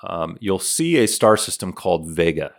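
Male co-host, low-pitched, laid-back and jokey, casual chat. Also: big pitch swings, normal speed, vocal fry. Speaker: podcast co-host.

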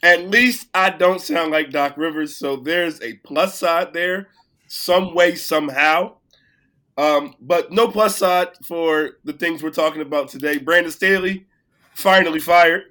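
Male podcast co-host with a sick, cracking voice; bright, high-ish tone, loud when excited. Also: measured pace. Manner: playful, boastful, gets loud when excited. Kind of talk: casual sports chat.

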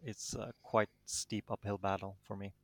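Gravelly, low-voiced Danish-accented man. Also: little pitch movement, moderate pace, no room sound. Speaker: interviewed tournament champion. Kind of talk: casual interview answers.

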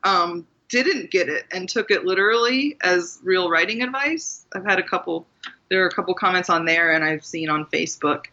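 An author and memoir teacher from Maryland, USA, chats as a guest in a casual interview and laughs often. Her lowish voice is expressive and sharp in tone, at a normal speed, and the recording sounds lo-fi.

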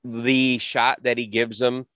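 A man's voice: mid-range voice, level tone, takes it slowly, bright, forceful tone, smooth, no echo. A man co-hosting a podcast, chiming in with agreement and personal anecdotes in casual movie chat. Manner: agreeable, chimes in, tells anecdotes. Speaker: podcast co-host.

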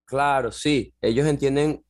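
Relaxed young Venezuelan guy for podcast guest, easygoing talk full of fillers, mid-range voice. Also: medium pitch, measured pace. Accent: Venezuelan Spanish. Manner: relaxed, chatty, many fillers like "bro" and "este". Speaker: guest, jiu-jitsu athlete. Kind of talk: casual podcast conversation.

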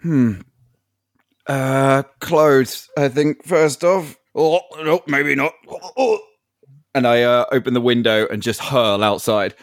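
A man's voice: medium pitch, slow pace, no echo, studio quality. A man playing a tabletop game, groaning and grumbling in character as a hungover rogue. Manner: groggy, hungover, swearing and grumbling. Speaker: player. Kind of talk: tabletop role-play in character.

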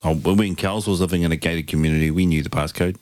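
A man's voice: deep voice, fairly even intonation, fast, a little mellow, dry recording. A man hosting a casual chat podcast in a laid-back, slangy way. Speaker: podcast host.

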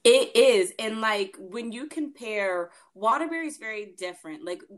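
A woman's voice: on the high side, lively intonation, moderate pace. A woman hosting a casual interview in an informal, chatty, conversational way. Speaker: interviewer, host.

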